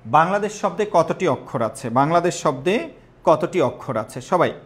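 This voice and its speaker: A man's voice: fairly high pitch, animated, fairly quick. A young man with a Bangladeshi Bengali accent teaching a live online exam-prep class, repeating questions and quizzing students.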